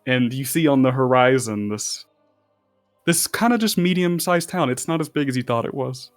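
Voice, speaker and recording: A man narrating as game master for a tabletop role-playing game, relaxed and rambling with fillers. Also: mid-range voice, normal speed, soft background music.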